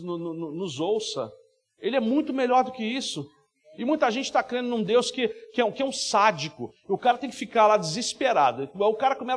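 An animated male guest preacher delivering a sermon. He speaks in a notably high register and keeps acting out little scenes. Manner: animated, with many acted-out voices. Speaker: guest preacher and worship minister.

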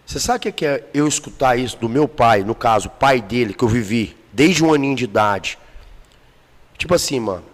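A man's voice: medium pitch, animated, normal speed, in a large hall. A man with a Brazilian Portuguese accent in a casual podcast chat, telling a personal story bluntly and emotionally with plenty of swearing. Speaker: guest telling his life story.

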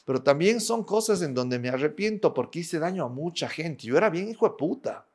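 A man's voice: on the high side, animated, a little fast. A man, candidly telling personal stories and swearing often. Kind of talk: personal storytelling monologue.

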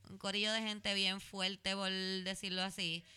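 A woman's voice: mid-range voice, unhurried, smooth. A young woman with a Puerto Rican Spanish accent, chatting casually as a podcast co-host and telling stories with lots of slang. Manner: animated storytelling, frequent slang and English mixing. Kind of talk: casual chat.

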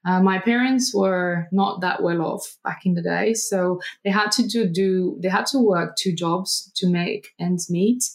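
Woman, lower voice. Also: measured pace, hardly any pauses, low-quality recording. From Bulgaria. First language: Bulgarian. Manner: fluent and explanatory, with frequent ums and restarts. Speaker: guest, marketing agency director. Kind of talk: conversational interview answers.

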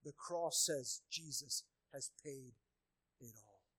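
A pastor preaching a sermon, who repeats key phrases and swings between hushed low passages and loud emphatic peaks. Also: male voice, takes it slowly, breathy edge, dry recording. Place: church sanctuary.

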